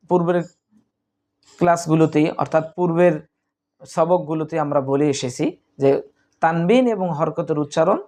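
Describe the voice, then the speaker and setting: A man teaching Quran reading, spelling out letters and repeating each syllable slowly in a calm, instructive way. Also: a little high. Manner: calm instructive tone, addresses students as dear friends. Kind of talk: slow recitation lesson.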